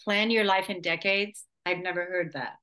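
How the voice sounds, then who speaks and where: A woman's voice: on the low side, fairly even intonation, normal speed, pushed and bright. A woman hosting a radio talk show, introducing and interviewing a guest in an effusive, enthusiastic way.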